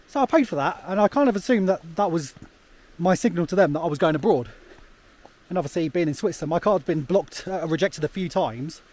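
A man's voice: fairly high pitch, lively intonation, a little fast, a little mellow. A man, chatting casually and rambling with lots of fillers while hiking a snowy path, filmed on a camera at arm's length outdoors. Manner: rambling, chatty, laughs often, many fillers. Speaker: travel vlogger. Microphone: camera held at arm's length.

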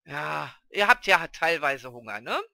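A woman's voice: low-pitched, lively intonation, measured pace, vocal fry, sharp tone, no echo, studio quality. A woman casually commenting on her own gameplay, chatty and coaxing, talking to her game characters like children. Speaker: let's play gamer.

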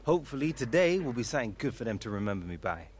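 A man's voice: medium pitch, big pitch swings, slight background noise, natural voice. A man voicing a young male footballer in a video game, upbeat and confident in a post-match interview. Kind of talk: scripted game dialogue.

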